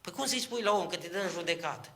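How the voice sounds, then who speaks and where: A man preaching an evangelistic sermon, telling stories and acting out dialogue, rising to loud drawn-out peaks and speaking directly to the congregation in a church. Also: high voice. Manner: storytelling that climbs to shouted, drawn-out peaks; acts out quoted dialogue, addresses the congregation directly.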